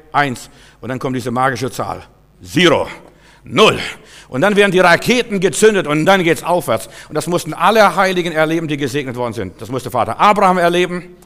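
A man's voice: on the high side, a bit bright. A man preaching a sermon in a folksy way, acting out the figures he quotes. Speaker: pastor. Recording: long reverb of a hall.

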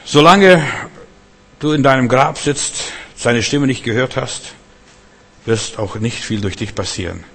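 A man preaching a sermon, swinging between loud proclamations and quiet, conversational asides. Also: medium pitch, unhurried. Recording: long hall reverb.

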